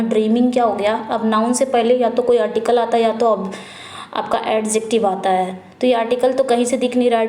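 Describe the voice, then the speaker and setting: Woman exam-prep tutor, a bit high in pitch, recorded in an echoey room, repeats every answer twice. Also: darkish tone. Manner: asks and answers her own questions, repeating each answer; mixes Hindi with English terms, reads questions out slowly. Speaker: English exam-prep teacher. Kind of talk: online lesson, working through a practice paper.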